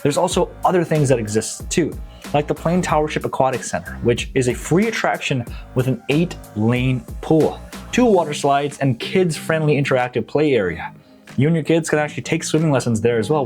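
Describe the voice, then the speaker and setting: A man's voice: mid-range voice, darkish tone. A young man from Nepal, a real estate agent, talking up local suburbs in a casual, upbeat and slangy promotional vlog.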